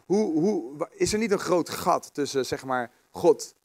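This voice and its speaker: A man giving a relaxed, conversational sermon with many fillers and restarts, reading scripture aloud. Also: a little high, a little slow, no echo. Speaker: preacher. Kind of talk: informal sermon.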